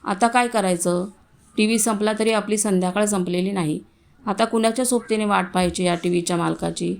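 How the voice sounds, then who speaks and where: A woman reading a short story aloud in a calm, even storytelling manner, voicing the family's dialogue herself. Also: mid-range voice, fairly quick, creaky. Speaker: story reader.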